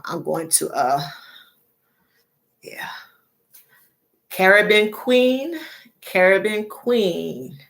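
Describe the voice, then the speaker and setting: A woman's voice: fairly low pitch, creaky, a bit bright. A middle-aged woman hosting a casual livestream chat, chatty, repeating phrases and laughing often. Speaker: livestream host.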